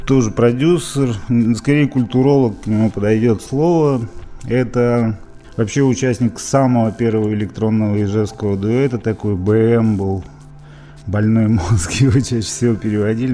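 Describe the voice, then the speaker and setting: A man's voice: on the low side, dark tone. A man from Izhevsk, Russia, a musician being interviewed, talking in a rambling way with many fillers and restarts. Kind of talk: casual interview reminiscing.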